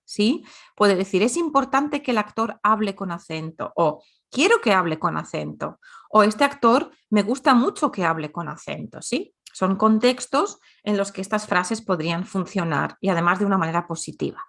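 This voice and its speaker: A woman's voice: mid-range voice, a bit bright. A woman teaching a grammar lesson, explaining patiently and repeating example sentences. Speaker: Spanish teacher.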